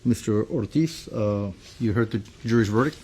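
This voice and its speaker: A man serving as a judge in a courtroom recording, reading a verdict and running proceedings with halting speech full of fillers. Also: lowish voice, dark tone, slight background noise. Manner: halting, many fillers and restarts. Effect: courtroom recording played back.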